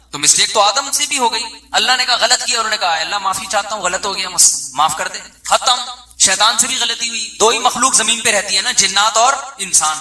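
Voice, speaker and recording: High, bright-voiced preaching man. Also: echoey room. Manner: conversational preaching with rhetorical questions. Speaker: religious scholar. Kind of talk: sermon.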